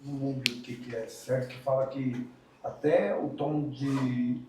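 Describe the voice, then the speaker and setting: A man's voice: medium pitch, steady tone, moderate pace. A man in the class offering a hesitant comment, thinking aloud as he goes. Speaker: class participant. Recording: distant roomy mic with background noise.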